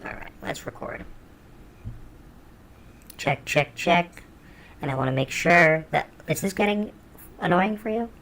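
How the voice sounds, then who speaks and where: A man demonstrating music gear, talking through a built-in mic with a formant shift and auto pitch correction, offhand as he works. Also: lively intonation, unhurried, long pauses, fairly bright tone, a little hiss or hum, full character voice. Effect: formant-shifted, auto-pitch-corrected voice through a sampler mic. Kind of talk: casual tutorial talk while recording samples. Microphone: built-in microphone of a groovebox.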